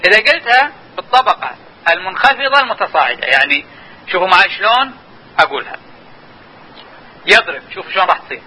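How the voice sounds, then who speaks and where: A man's voice: high voice, very animated, quick pace, long pauses, pushed and bright, breathy edge, poor audio. A man giving a linguistics lesson, explaining patiently and telling listeners to watch and notice. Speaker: linguistics lecturer. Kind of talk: classroom lecture.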